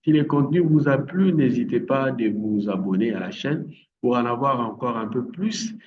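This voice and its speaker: A man giving a language lesson, slowly drilling words over and over, with frequent hesitations. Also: medium pitch, animated, distant mic, lo-fi sound, background noise. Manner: slow, drilling words with repetition and many fillers. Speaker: English teacher.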